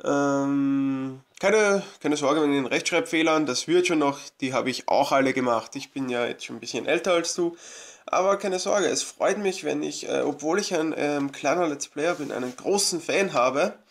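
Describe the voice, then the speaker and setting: Gravelly-voiced young man narrating gameplay. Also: fairly high pitch, normal speed. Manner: chatty, rambling, many fillers and restarts; grateful, eager. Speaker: let's play host. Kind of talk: casual gameplay commentary.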